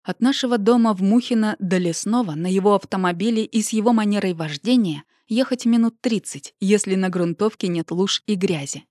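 A woman narrating a first-person audiobook with an expressive, emotional reading. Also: medium pitch, a little fast, few pauses, no echo, clean studio sound.

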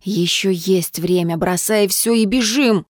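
A woman's voice: medium pitch, a little slow, no room sound, studio quality, lightly acted. A woman voicing a nervous young man who keeps watch and begs his friend to run. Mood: anxious. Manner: anxious, pleading, urgent.

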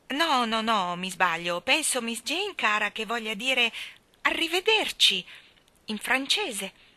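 Fussy chattering old housekeeper , read by a woman, rambling and scolding, bright and loud. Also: on the high side, dry recording, pitched above the performer's own voice, full character voice.

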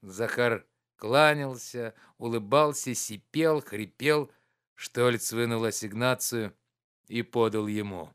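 Male narrator of a classic novel, expressive and theatrical. Audiobook read. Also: medium pitch, slow, clean tone. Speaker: audiobook reader. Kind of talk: literary narration.

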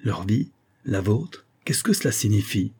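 A man reading an audiobook, voicing an excitable, talkative man who protests with indignant exclamations. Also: fairly low pitch, a little slow, slightly rough, heavily acted. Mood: alarmed.

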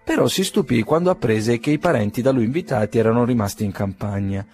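A man narrating a classic novel in a measured, gently ironic audiobook reading. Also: medium pitch, faint music behind.

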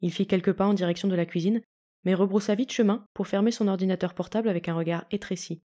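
A woman reading a fanfiction story aloud in calm, even audiobook narration. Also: mid-range voice, fast talker. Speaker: fanfiction reader.

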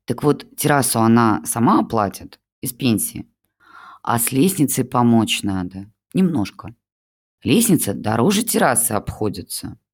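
A reader voicing a melodramatic older mother who plays a pitiful old woman and flatters her son-in-law in a gushing, theatrical manner, as an audiobook character. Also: mid-range voice, normal speed.

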